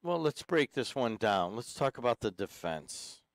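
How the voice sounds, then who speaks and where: A man's voice: medium pitch, big pitch swings, a little slow, no room sound, studio quality. A male radio host in casual talk, chatting with a guest and reading out listener texts.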